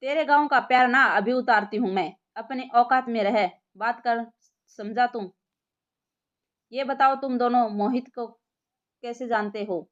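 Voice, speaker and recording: Woman doing a stern, bossy policewoman grilling suspects; fairly high voice, muffled lo-fi recording. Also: unhurried, natural voice. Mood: interrogating. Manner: bossy, scolding, interrogating. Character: stern tough young policewoman.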